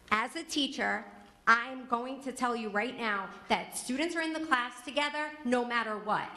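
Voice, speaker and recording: A woman's voice: a little high, pushed and bright. An American woman, a former teacher, giving an indignant, emphatic public comment. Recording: echoey meeting room.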